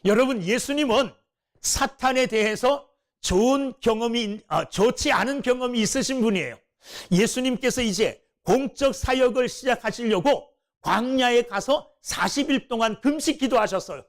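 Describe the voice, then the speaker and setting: A male pastor preaching a sermon, telling the story with lively acted-out lines and questions to the congregation. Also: very high-pitched, moderate pace. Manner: animated storytelling, acting out quoted lines.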